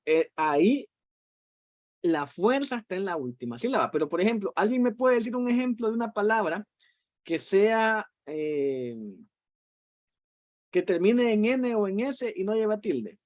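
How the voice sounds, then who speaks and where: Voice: mid-range voice, sing-song, measured pace, darkish tone. A teacher talks a class through a lesson from home, patient and explanatory. The speech is dotted with "eh" fillers and "¿ya?" check-ins. The mid-range voice sounds close and dry, with no room echo.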